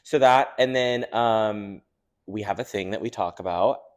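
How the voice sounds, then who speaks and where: A man's voice: lowish voice, a little slow. A man co-hosting a podcast in casual, playful, teasing chat. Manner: playful, teasing banter with laughs. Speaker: podcast co-host.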